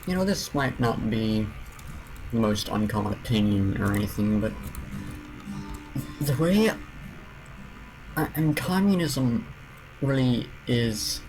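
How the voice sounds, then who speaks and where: A man streaming a building game, giving casual commentary and rambling aloud with frequent restarts and soft trailing mutters. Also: medium pitch, low-quality recording.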